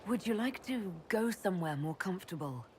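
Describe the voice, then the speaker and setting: A woman's voice: medium pitch, lively intonation, brisk, darkish tone, slight background noise, close to an everyday voice. A woman playing a resolute Inquisitor in a video game, speaking firmly and directly. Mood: calm, inquiring. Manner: firm, direct, questioning. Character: resolute female Inquisitor leader. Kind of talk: video game dialogue acting.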